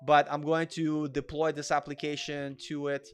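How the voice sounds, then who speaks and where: There's faint music behind this developer and livestream host, a Russian man with a slight accent whose voice is on the high side and monotone, at normal speed. In a casual live Q&A he chats with viewers, reads out their comments, and often repeats himself.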